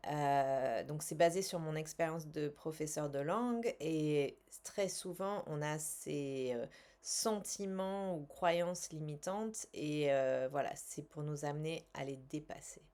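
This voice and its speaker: A woman who is a tapping coach and language teacher guides a tapping exercise in a low-pitched, dark-toned voice. She speaks in short, measured instructional phrases, pausing and repeating statements.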